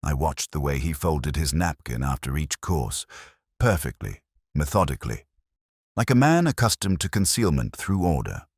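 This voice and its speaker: Man as very deep-voiced, brooding Inspector Morse. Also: sing-song, husky, no echo, clean studio sound, full character voice. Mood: brooding, reflective. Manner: measured, literary, reflective. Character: brooding, erudite, world-weary male police inspector. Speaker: narrator in character. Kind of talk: first-person detective story narration.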